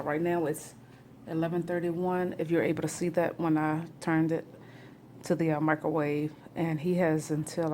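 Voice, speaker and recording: A woman in her forties with a fairly low voice rambles on in a home vlog, chatty and loose. Her talk jumps to loud, excited peaks, and a faint hum sits behind her. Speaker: family vlogger. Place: home, near the kitchen.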